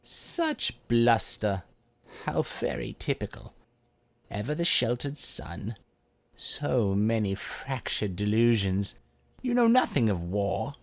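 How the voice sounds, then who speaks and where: A man doing a voice-acting demo, voicing Loki as a scornful, menacing male trickster god with slow, disdainful theatrical delivery. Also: on the low side, very animated, creaky, dry recording, voice pushed down, full character voice.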